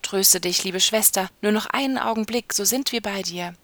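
A woman's voice: medium pitch, normal speed, a bit bright, no room sound, lightly acted. A young man from a fairy tale calls out urgently to reassure his sister, as a woman reader voices him. His voice is raised and firm. The sound is dry and close. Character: brave youngest brother, a young man riding to the rescue. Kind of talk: storybook reading.

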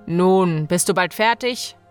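A woman's voice: low-pitched, slow pace, faint music behind, pitched below the performer's own voice. A woman voicing a cruel, murderous husband who speaks in a cold, commanding, wrathful way. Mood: impatient threat.

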